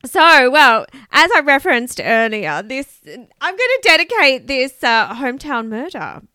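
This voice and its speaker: An Australian woman co-hosting a podcast, telling a true-crime case in casual, chatty talk with quick asides. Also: high-pitched, sing-song, bright, forceful tone, clear, resonant tone, no room sound, clean studio sound. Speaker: podcast co-host.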